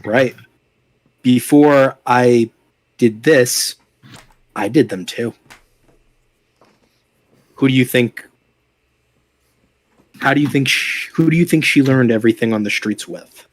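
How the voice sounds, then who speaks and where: A man's voice: mid-range voice, slow pace, pauses often. A man playing a tabletop game, chatting casually and joking with the table. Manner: joking, playful. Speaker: player.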